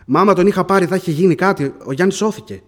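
A man preaching a sermon, telling testimony to the congregation and calling them brothers, rising into fervent prayer. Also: high-pitched.

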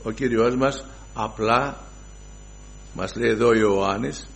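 A man preaching a sermon to his brothers, emphatic, swinging from loud exclamations to hushed asides and reciting scripture in formal archaic wording. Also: medium pitch, a little hiss or hum. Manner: addresses the listeners as brothers.

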